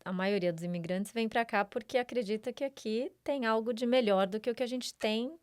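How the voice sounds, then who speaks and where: Female podcast host, smooth clear voice, measured and reflective. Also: on the high side, darkish tone. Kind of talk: casual interview chat.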